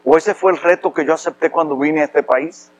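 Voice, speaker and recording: Impassioned pastor, high voice. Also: male voice, fairly quick, low-quality recording. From Puerto Rico. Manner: impassioned, rising to loud emphatic preaching. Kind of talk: sermon.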